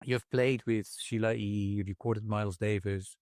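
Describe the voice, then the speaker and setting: A man from the Netherlands hosting a podcast interview, telling stories in a halting, self-deprecating way. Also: fairly low pitch, fairly even intonation, darkish tone, no room sound, studio quality. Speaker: podcast host. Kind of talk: casual interview chat.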